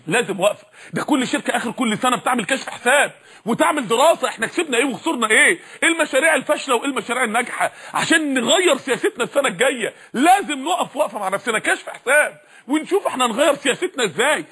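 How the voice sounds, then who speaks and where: Male Egyptian Arabic preacher, husky, rapid-fire sermon delivery with relentless rhetorical questions. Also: extremely high pitch, lively intonation, sharp tone. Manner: urgent, repeating rhetorical questions to the audience.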